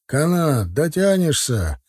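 A man voicing a blunt, rough-spoken male truck driver who shouts over wind and rain in an audiobook. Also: fairly high pitch, very animated, slow, heavily acted. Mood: urgent. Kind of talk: audiobook character voice.

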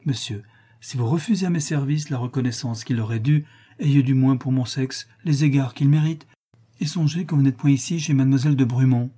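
A man voicing a passionate, impulsive young countess, pleading and effusive, his voice lifted higher. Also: brisk, mellow, breathy edge, natural voice. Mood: indignant.

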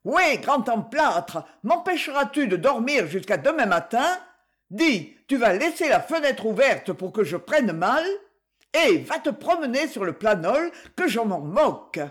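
A furious older woman hurls insults from her bed in a high, swooping voice, as a male reader puts her on. She scolds loudly and without pause, her voice leaping up and down. An audiobook figure. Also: sing-song, full character voice.

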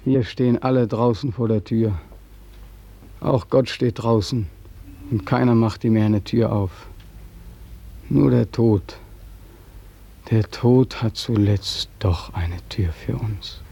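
A man's voice: mid-range voice, steady tone, unhurried, gravelly, long pauses, mellow, husky. An actor playing a bitter young war veteran who accuses God and mocks people while dreaming of his own death. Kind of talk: radio play acting.

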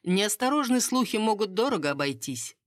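A woman's voice: medium pitch, sing-song, a little fast, no room sound, clean studio sound, voice pushed up, natural voice. A woman playing a conspiratorial court gossip. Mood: bitter. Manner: hushed, conspiratorial, bitter. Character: gossiping, knowing court lady, wary of rumors.

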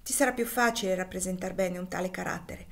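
An anxious young husband close to freedom, earnest and strained, read by a woman in an audiobook. His words come softly, then push hard when fear rises. There is no heavy put-on voice. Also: on the low side, fast, creaky. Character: young man fleeing slavery, anxious. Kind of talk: audiobook dialogue.

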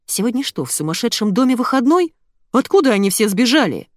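A woman reader plays a cheeky young pharmacist with a sarcastic, conspiratorial manner. Her pitch rises and dips brightly, in a close, dry storybook read. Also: sing-song, brisk, no room sound.

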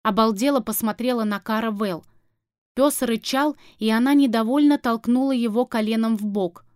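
A woman reading a novel aloud as an audiobook narrator in an even, measured way. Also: on the high side, no room sound, studio quality. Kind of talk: scripted narration.

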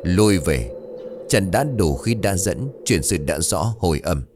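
A man's voice: low-pitched, sing-song, normal speed, background noise. A man voicing a stern old ritual master who speaks in a solemn, incantatory way.

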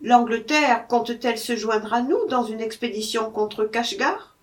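A woman's voice: fairly high pitch, a little slow, recorded from a distance, natural voice. Woman reading as a pushy questioning inspector. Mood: insistent. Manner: insistent questioning. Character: curious, pushy male Russian post inspector.

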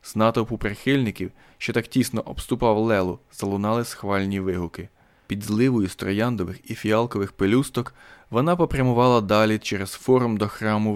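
A man narrating a science fiction story as an audiobook in a steady, even manner. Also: on the low side, clean tone.

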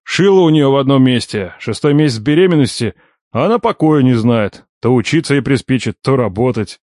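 A man reading an audiobook, voicing a gruff middle-aged boss who grumbles and scolds his nephew. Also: mid-range voice, expressive, a little fast, a little mellow, no room sound, studio quality, lightly acted. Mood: gruff fond. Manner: grumbling, bossy, teasing. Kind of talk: audiobook character voice.

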